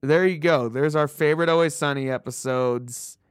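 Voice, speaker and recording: A man co-hosting a podcast in casual chat, with a rambling, animated way of telling things and an easy laugh. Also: a little high, moderate pace, clear, resonant tone, dry recording, studio quality. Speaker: podcast co-host.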